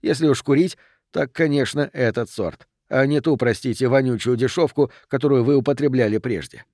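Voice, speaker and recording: A calm, refined male agent with a melodious Southern American accent, as a man reads him. He speaks in a polished, courteous, unhurried way. The audiobook voice sounds close and dry. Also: medium pitch, no echo, natural voice. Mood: suave.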